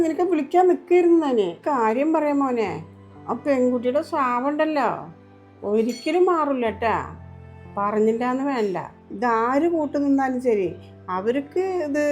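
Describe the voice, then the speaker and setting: A fierce, scolding mother played by a woman in a home-made family drama, speaking. Her voice sits a little high, and she talks emphatically. Faint music plays behind her. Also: a little mellow, natural voice. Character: stern mother, fiercely protective of her daughter-in-law. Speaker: mother in a family short film.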